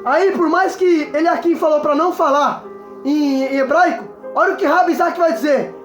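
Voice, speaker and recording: A man's voice: very high-pitched, normal speed, fairly bright tone. A man with a Brazilian Portuguese accent preaching a sermon as an evangelist, repeatedly urging his listeners to pay attention. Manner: exhorting, repeats calls to listen. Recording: echoey room with faint music.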